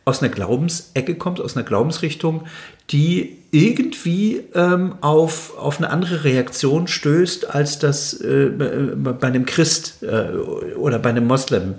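A man's voice: fairly high pitch, measured pace, a little mellow. A man hosting a casual interview, asking loose, stumbling questions and responding often with brief agreement. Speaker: interview host.

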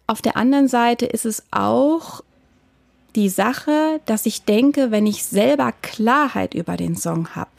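A woman songwriter talks through her process in an interview, carefully and thoughtfully, reaching for examples as she goes. Her voice sits at an ordinary middle pitch. The sound is dry, with no room around it. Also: vocal fry, a little mellow, no room sound. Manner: thoughtful, explaining at length with examples. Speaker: songwriter and singer. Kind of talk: interview answer.

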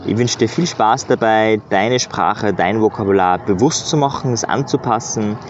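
A man's voice: fairly low pitch, normal speed, a little hiss or hum. A man giving earnest, casual coaching advice in a motivational monologue, often adding "ja". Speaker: self-improvement coach. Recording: slightly dull recording.

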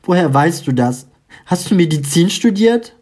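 A man voicing a frantic, tearful teenage schoolgirl who pleads in high cries. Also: animated, moderate pace, darkish tone. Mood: pleading.

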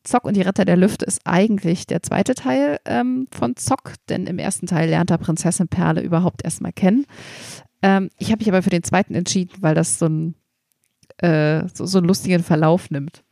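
Chatty woman with a warm, low voice. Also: moderate pace, gravelly, dry recording, studio quality. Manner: chatty, many fillers and restarts. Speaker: podcast host recommending children's books. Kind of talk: casual podcast chat.

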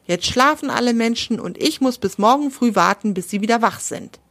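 A woman's voice: fairly high pitch, lively intonation, fairly quick, fairly bright tone. A woman voicing a cheeky little male squirrel thinking aloud in a storybook tale. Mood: musing. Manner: musing to himself.

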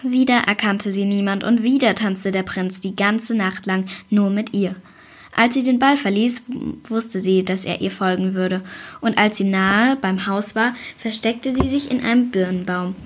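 A woman reading a fairy tale aloud in a calm, even storytelling voice. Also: mid-range voice, a little slow.

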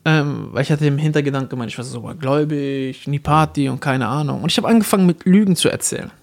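A man co-hosting a casual debate talk show, telling animated stories and acting out the people he quotes. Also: fairly high pitch, fast talker, creaky. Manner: animated storytelling, acts out quoted dialogue. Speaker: co-host, stand-up comedian.

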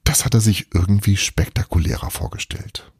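A man reading an advent calendar story aloud, then chatting warmly with his listeners as host. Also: fairly low pitch, normal speed, gravelly, slightly rough, no room sound, studio quality. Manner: warm, lively, chatty outro.

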